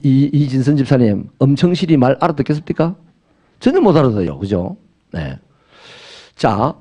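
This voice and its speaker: A middle-aged man with a Gyeongsang accent, a pastor preaching a sermon in a lively, humorous way and acting out little dialogues. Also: on the high side. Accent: Gyeongsang Korean.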